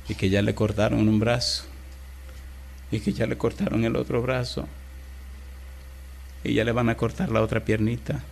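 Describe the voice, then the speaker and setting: A male pastor preaching a sermon with passion, swinging between loud emphatic cries and hushed, intimate storytelling. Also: medium pitch, creaky, slight background noise.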